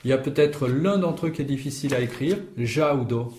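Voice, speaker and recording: A man's voice: medium pitch, brisk, darkish tone, echoey room, slight background noise. A man teaching a language lesson, explaining grammar patiently step by step. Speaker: Esperanto teacher.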